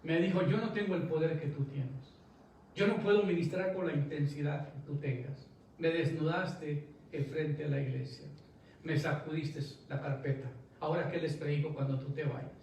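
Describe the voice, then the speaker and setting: A man preaching from the pulpit with a fairly high voice, carried across a big echoing church sanctuary. He tells his story in a storytelling way and climbs into emphatic bursts. The mic catches him from a distance, with a faint hiss underneath. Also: steady tone, moderate pace, creaky, darkish tone. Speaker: pastor. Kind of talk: sermon. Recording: echoey church hall, from a distance.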